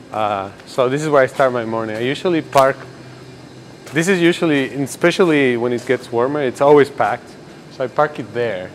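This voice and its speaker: A man's voice: mid-range voice, a little hiss or hum. A man in his twenties from Ecuador, casually rambling with fillers while giving a campus tour as a graduate student. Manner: rambling, relaxed, many fillers and restarts. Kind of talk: casual documentary interview.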